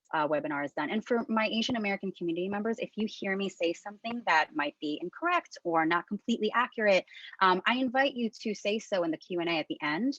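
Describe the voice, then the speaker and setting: A woman's voice: fairly low pitch, fairly bright tone, no room sound. A woman in her thirties from the Philippines, giving a candid, conversational webinar talk over a video call. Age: 30s. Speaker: webinar speaker. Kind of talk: informal webinar presentation. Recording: dull lo-fi dry call audio.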